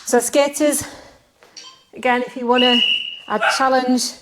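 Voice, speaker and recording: Outdoors, a fitness coach leads a bodyweight workout, talking through each exercise while doing it herself, chatty and a bit out of breath. Her voice sits high with little pitch movement, unhurried, with background noise.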